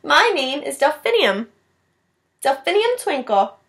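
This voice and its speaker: Woman putting on a bright, whimsical lady teacher. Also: high-pitched, sing-song, a little slow, pitched above the performer's own voice, exaggerated voice. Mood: warm, proud. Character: kindly, whimsical woman music teacher, expecting a baby.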